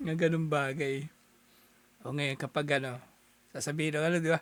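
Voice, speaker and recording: A man from the Philippines giving a casual, animated talk, chuckling often and acting out little exchanges as he explains. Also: on the high side, normal speed.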